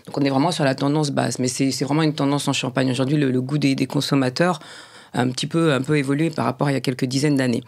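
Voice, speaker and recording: Gravelly, husky woman explaining haltingly. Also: a bass voice, steady tone, a little mellow. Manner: halting, frequent restarts. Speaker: champagne producer. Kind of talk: explanatory interview talk.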